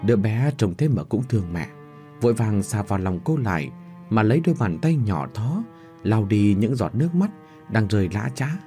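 A man's voice: lowish voice, normal speed, faint music behind. A man narrating a story expressively, acting out all the characters. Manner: expressive, acts out every character.

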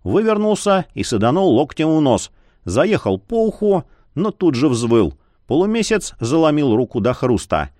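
A man narrating a fantasy novel in a dramatic, expressive reading. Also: moderate pace, dry recording. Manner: expressive, swinging pitch. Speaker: audiobook narrator. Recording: dry close studio sound.

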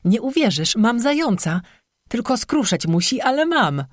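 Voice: mid-range voice, big pitch swings, no echo, studio quality, voice pushed up. A reader voicing an eager, chattering young village wife. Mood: excited. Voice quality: chattering, quick to fret.

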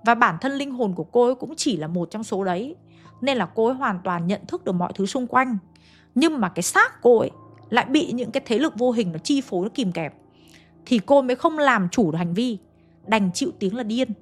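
A woman's voice: a little high, lively intonation, brisk, soft background music. A woman narrating a ghost story, chatting directly to her listeners.

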